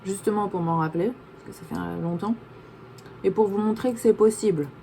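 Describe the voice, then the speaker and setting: A young woman talks in a relaxed, everyday way while eating, stopping between bites to chew. She sounds mid-pitched and natural, and a faint hum of room noise sits under her voice. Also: a little fast, creaky. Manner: chatty, talks while chewing a sandwich. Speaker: vlogger. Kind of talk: casual chat while eating. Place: home room, backlit.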